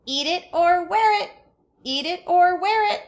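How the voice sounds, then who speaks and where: A woman voicing a demanding little boy in a storybook reading, with a high, shrill yell. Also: big pitch swings, very slow, heavily acted. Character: toddler boy, demanding and loud.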